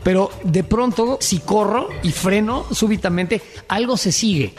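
Joking Mexican man, fairly high voice. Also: a little slow, faint music behind. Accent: Mexican Spanish. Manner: joking, laughs often, trails off and restarts. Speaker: podcast co-host. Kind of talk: casual comedic chat.

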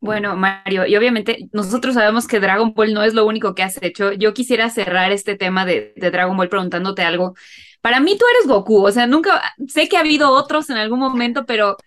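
A woman's voice: mid-range voice, a little fast, fairly bright tone. A woman interviewer asking earnest, searching questions in a conversational interview.

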